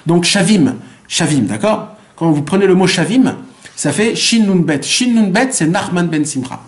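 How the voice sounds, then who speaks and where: A rabbi with a high-pitched male voice gives a Torah class. He keeps asking rhetorical questions and answering them, repeating phrases to drive each point home and weaving Hebrew terms into his teaching. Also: animated, moderate pace.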